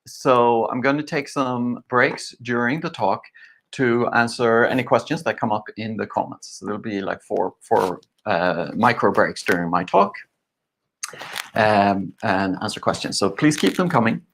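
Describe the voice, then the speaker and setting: A man in his forties, from Sweden, giving an online conference talk in a relaxed way, with many fillers. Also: lowish voice, a little slow, creaky. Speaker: conference speaker.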